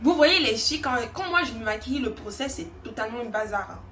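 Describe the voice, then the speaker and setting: A woman's voice: on the high side, lively intonation, fast, a bit bright. A young woman vlogger chatting casually to her viewers while doing her makeup, rambling and self-assured. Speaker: beauty vlogger. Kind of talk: casual get-ready-with-me chat. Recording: echoey room, faint music behind.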